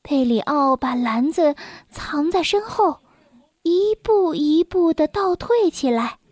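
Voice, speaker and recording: A woman hosting and narrating a children's storybook in a gentle, expressive way. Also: sits high, slow pace, no echo, clean studio sound. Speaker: storyteller host.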